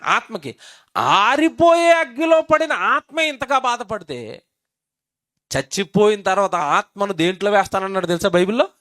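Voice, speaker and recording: High-voiced preacher asking the congregation questions. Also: male voice, fairly bright tone, dry recording, studio quality. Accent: Telugu, Andhra Pradesh. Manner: emphatic, questioning the congregation and repeating phrases. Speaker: pastor. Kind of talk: sermon.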